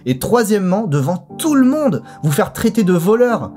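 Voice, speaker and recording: A man telling a story in a casual vlog, lively and colloquial, and speaking straight to his viewers. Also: high voice, moderate pace, soft background music.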